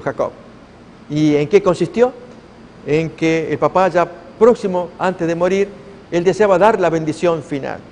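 A man preaching a sermon, retelling a story with lively voices for each character and reading scripture aloud. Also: high voice, big-room sound. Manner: animated storytelling, acting out the characters' lines.

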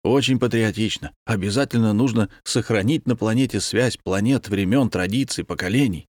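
A man's voice: on the low side, moderate pace, a little mellow, no room sound, lightly acted. Good-humored navigator; male narrator doing him, joking, close dry read. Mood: jovial. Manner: jovial, reassuring.

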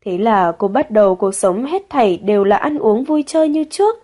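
A woman narrating a romance novel as an audiobook, in a steady, measured storytelling manner. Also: mid-range voice.

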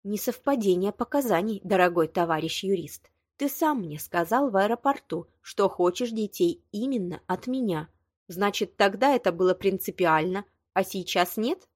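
A woman reading the lines of a prickly young woman, hurt but proud, defensive and quick to flare up. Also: mid-range voice, expressive, dry recording, clean studio sound, close to an everyday voice. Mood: flaring. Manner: tearful, defensive, flaring. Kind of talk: audiobook dialogue reading.

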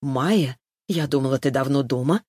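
A woman's voice: rumbling low, normal speed, darkish tone, breathy edge, dry recording, clean studio sound. A woman reading an audiobook, voicing a composed middle-aged mother who speaks in a firm, matter-of-fact way. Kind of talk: audiobook character voice.

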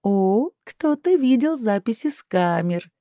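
Woman doing a teasing young woman, giggly, lively voice, dry sound. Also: a little high, a little slow, no echo, pitched above the performer's own voice.

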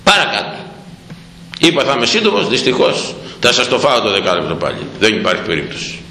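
A man's voice: medium pitch, huge pitch swings, sharp tone. An older man, a priest, preaching a sermon with rhetorical questions to his congregation and repeating phrases for emphasis. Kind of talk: sermon on Proverbs. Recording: echoey room with faint background noise.

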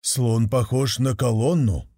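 A man voicing a slow, stubborn blind beggar in a fable, speaking deliberately. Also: mid-range voice, fairly even intonation, mellow, no room sound, studio quality.

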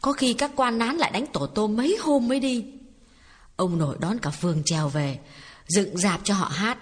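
A woman's voice: mid-range voice, normal speed, husky, close to an everyday voice. A woman voicing a grieving older mother who tells a family tragedy tearfully and earnestly, in an audiobook. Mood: sorrowful. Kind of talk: audiobook dialogue reading. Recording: reverberant with background music.

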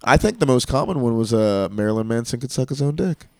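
A man's voice: medium pitch, animated, fast talker, darkish tone, dry recording. A young man co-hosting a podcast in casual, rambling chat, often restarting his sentences. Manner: laid-back, rambling, self-interrupting. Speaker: podcast co-host.

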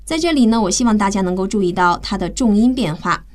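Woman doing a radio english class, middle pitch, patient, walks through each word and spells it out. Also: animated, quick pace. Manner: explains words step by step, spells them out. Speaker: English teacher and radio host. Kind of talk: bilingual radio English lesson.

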